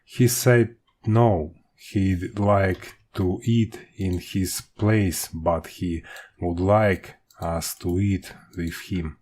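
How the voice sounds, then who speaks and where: A man with a Russian accent narrates an audiobook in a low-pitched voice. His pace is extremely slow and halting. He stumbles on words here and there and repeats them as an amateur reader would. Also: fairly even intonation, darkish tone.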